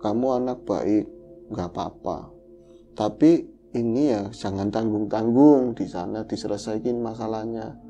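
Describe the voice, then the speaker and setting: A man voicing a mysterious, kindly older man who speaks gently and reassuringly. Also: fairly low pitch, fairly even intonation, a little slow, faint music behind. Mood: gentle.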